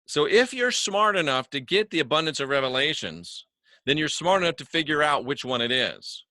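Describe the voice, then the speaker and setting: A man's voice: a little high, big pitch swings, moderate pace, pushed and bright, no echo, studio quality. A man hosting his own religious talk show, speaking casually and folksily to viewers, joking, chuckling at himself and repeating words for emphasis. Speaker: online religious talk host. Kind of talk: casual spoken monologue to viewers. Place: home studio he calls the bunker.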